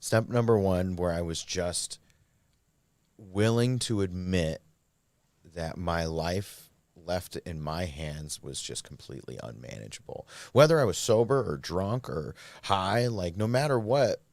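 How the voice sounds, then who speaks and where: A man's voice: deep voice, expressive, measured pace, a little mellow, no echo. A man, a podcast guest, candidly telling his recovery story in a rambling, filler-heavy way.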